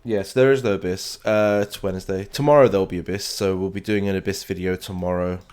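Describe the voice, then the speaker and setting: Low-pitched, clear and resonant with a darkish tone, this man's voice stays steady while he talks fast. He's a London streamer with a British accent, rambling casually through game commentary and responding to viewers mid-play.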